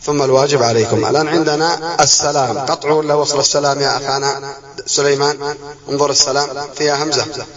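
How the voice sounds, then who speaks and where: A man's voice: mid-range voice, fairly even intonation, quick pace, fairly bright tone. Male teacher quizzing a class, distant. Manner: quizzes students and repeats key words. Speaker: teacher of Arabic spelling. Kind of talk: classroom lesson reading and explaining a text. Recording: distant dull classroom recording with students around.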